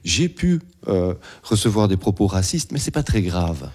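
A man's voice: sits low, sing-song, normal speed, darkish tone. A man interviewing a young guest, probing and rephrasing his answers back to him. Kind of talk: interview questions.

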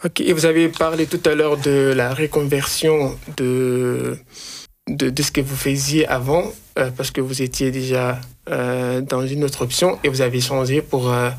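Radio interviewer: man, halting questions, repeats words, mid pitch. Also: level tone. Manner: hesitant, many fillers and repeats.

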